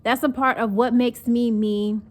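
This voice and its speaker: A young North Carolina vlogger talks to camera with a Southern accent blended with northern speech. Her voice is a little high and unhurried, and she's chatty and animated, acting out mocking quotes.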